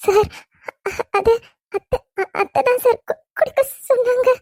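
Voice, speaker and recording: A woman's voice: very high-pitched, steady tone, measured pace, darkish tone, no echo, studio quality. A woman voicing a timid, stammering young bride. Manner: stammering, pleading. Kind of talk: cartoon voice acting.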